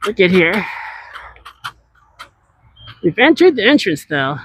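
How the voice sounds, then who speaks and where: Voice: medium pitch, very animated, slow, a bit bright, husky. An IRL streamer chatting casually with viewers while walking and scootering outdoors through a large city, rambling and answering chat as they go.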